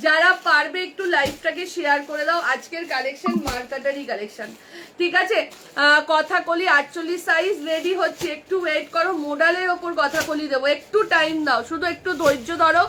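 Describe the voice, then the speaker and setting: A woman's voice: high-pitched, a little fast, pushed and bright, slight background noise. A woman with a Kolkata Bengali accent selling clothes on a live stream from a shop, chatty and talking straight to viewers. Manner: chatty, addresses viewers directly, counts off sizes. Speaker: online clothing seller. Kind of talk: live-stream sales pitch. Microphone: phone camera.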